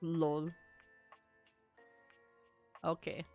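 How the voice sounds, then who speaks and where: A woman's voice: low voice, little pitch movement, drawn-out words, highs cut off, soft background music. A woman streaming a game with casual, playfully grumpy and blunt commentary. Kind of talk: casual gameplay commentary, reading and reacting.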